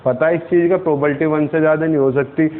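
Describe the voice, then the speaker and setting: A man's voice: fairly high pitch, fairly even intonation, fast. Man teaching physics, tinny phone-like sound. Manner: explains step by step and asks students questions. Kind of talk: whiteboard lecture.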